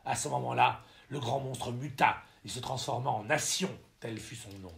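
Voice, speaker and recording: A man narrating a novel as an audiobook reader, telling the story in an expressive, ironic manner. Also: medium pitch, moderate pace, gravelly.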